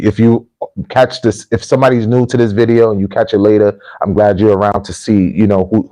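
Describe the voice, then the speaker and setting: Speaking in a deep, dark-toned voice, this American livestream host and repatriation coach talks casually to his viewers and shares anecdotes. He tends to repeat his phrases for emphasis, and the recording is rough.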